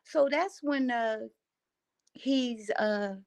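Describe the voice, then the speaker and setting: Slow, gravelly woman telling a story. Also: a little high. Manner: rambling, with frequent restarts and acted-out quotes. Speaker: vlogger. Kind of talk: casual storytelling to camera.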